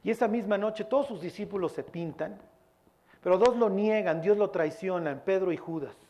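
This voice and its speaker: A male preacher with a somewhat high voice. He tells the stories in an animated way and slips into the voices of the people he quotes. Sermon delivery. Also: normal speed. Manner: animated storytelling, acting out quotes.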